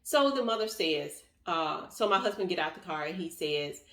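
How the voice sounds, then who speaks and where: A woman vlogger telling a personal story in a casual, animated way, acting out what others said. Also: on the low side, normal speed, recorded from a distance. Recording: echoey room, voice off-mic.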